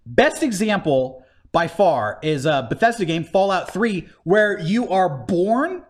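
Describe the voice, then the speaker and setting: A man in casual podcast chat giving a game review, animated and swearing freely. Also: high voice, slow pace. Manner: animated, swearing, acts out scenes in mock voices.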